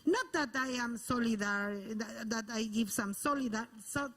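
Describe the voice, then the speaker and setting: A woman's voice: a little high, unhurried, a bit bright. A woman from Bolivia speaking English with a Spanish accent as a panel guest, searching for words and repeating points for emphasis. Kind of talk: public panel discussion.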